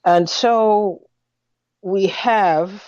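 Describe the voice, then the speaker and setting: A woman hosting radio talk and commentary, speaking haltingly and deliberately with long pauses, slightly muffled because an injured mouth will not open all the way. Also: mid-range voice, darkish tone. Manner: slightly muffled speech through a barely opened mouth. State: mouth injured from a fall, cannot open it fully. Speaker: radio talk show host. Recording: dull, roomy lo-fi sound.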